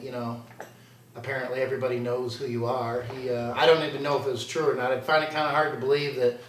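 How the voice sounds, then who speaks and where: A man's voice: medium pitch, distant mic. Candid man in a roomy room. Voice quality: candid, conversational, self-deprecating. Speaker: contest prep coach. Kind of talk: answering viewer questions. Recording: roomy sound from away from the mic.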